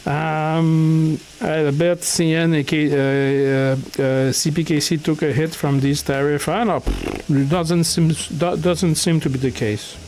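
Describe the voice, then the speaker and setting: A man hosting a casual livestream who greets viewers by name and reads their chat aloud, talking haltingly with lots of restarts and chuckles. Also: on the high side, steady tone, a little mellow. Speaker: livestream host.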